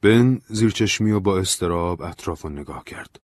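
A man calmly reading a story aloud, narrating in measured tones. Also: low-pitched, no echo, studio quality.

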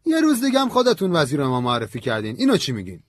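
A man's voice: fairly high pitch, huge pitch swings, no room sound, voice pushed up. A man voicing a fiery, outspoken man who argues hotly in an audiobook story. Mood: heated. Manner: heated, forceful.

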